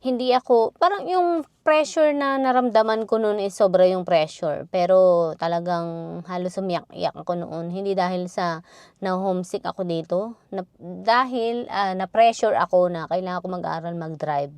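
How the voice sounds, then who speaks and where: A woman's voice: fairly low pitch, moderate pace, darkish tone, smooth, no echo. Chatty Filipina woman, close dry mic. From Philippines. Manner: chatty and candid, recounting with frequent quoted dialogue. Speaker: vlogger. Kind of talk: casual personal storytelling.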